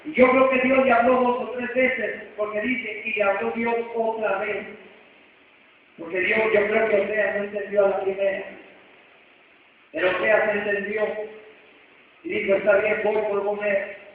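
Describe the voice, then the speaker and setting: High-voiced preacher in an echoey hall. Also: male voice, little pitch movement, moderate pace, long pauses. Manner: calls out to the congregation with questions; acts out the voices of the people in the story. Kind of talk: sermon. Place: church hall. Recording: far-off echoey hall, tinny and hissy.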